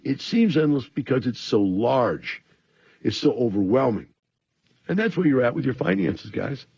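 A man's voice: medium pitch, gravelly, warm tone, slightly rough, highs cut off. A man hosting a radio show, sounding a little groggy from antihistamines, explaining things directly to listeners in a rambling advice monologue.

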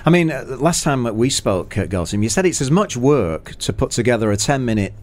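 A man hosts a casual interview, asking his guests questions. His voice has average pitch but moves up and down a great deal as he talks. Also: expressive, fairly quick, a little mellow. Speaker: host, interviewer. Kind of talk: casual radio-style interview.

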